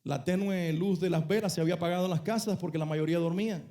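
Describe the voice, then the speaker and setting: A male pastor preaching a sermon, telling a story with dramatic shifts between soft and loud delivery and asking the congregation to repeat phrases. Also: high-pitched, fast talker.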